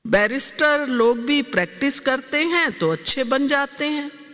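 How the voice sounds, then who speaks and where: A woman's voice: sits high, animated, unhurried, fairly bright tone. A woman giving a spiritual discourse to a congregation. She asks the audience questions and then answers them herself. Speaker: spiritual teacher. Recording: hall with long reverb.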